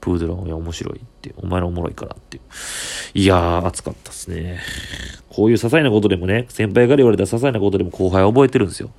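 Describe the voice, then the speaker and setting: A man's voice: deep voice, fast, gravelly. A young man with a Kansai accent, a comedian hosting his own solo talk show and telling a story from the stage, acting out the other people's lines as he goes. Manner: animated storytelling, acts out voices. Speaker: comedian podcast host.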